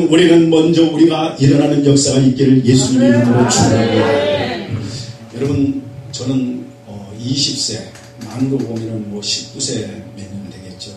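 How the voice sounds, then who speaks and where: A middle-aged man preaching a fervent revival sermon as a pastor, moving between loud exhortation and quiet personal testimony. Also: medium pitch. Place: prayer retreat hall. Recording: echoey hall from far off, faint hum.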